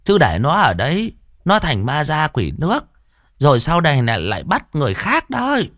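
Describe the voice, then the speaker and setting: A man voicing a stern, knowing old great-grandmother who speaks firmly and slowly. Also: a little high, big pitch swings, dry recording, clean studio sound, voice pushed up, full character voice. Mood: stern, reassuring. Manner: firm, reassuring, slow.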